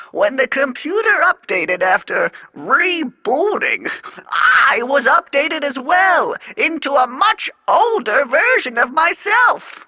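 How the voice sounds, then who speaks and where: Old man, distracted and hard of hearing, grumbling loudly; a woman acts it, high and bright, slow, dry room. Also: no echo, full character voice. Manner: shouty, grumbling, easily distracted. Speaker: morning show co-host. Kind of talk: kids' podcast character comedy.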